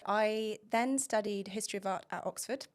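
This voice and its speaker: A woman's voice: medium pitch, moderate pace. A woman in her thirties from England, a podcast guest talking at length about her career and laughing often. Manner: talkative, laughs often, long-winded. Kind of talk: casual chat.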